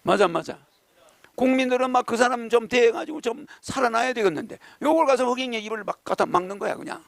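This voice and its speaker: An older man lecturing to followers, reciting poetry slowly and then talking in a lively way with rhetorical questions, acting out what people say. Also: extremely high pitch, gravelly, no echo. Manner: lively, rhetorical questions, acts out crowds and politicians. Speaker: speaker addressing followers. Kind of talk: lecture to an audience.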